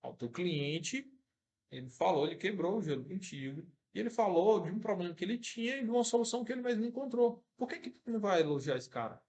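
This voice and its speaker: A young man talks through a sales lesson in a relaxed, conversational way. His voice sits a little high, and he acts out brief customer exchanges as he goes. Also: fast. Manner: acts out short customer dialogues with many fillers. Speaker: sales trainer. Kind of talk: casual instructional talk.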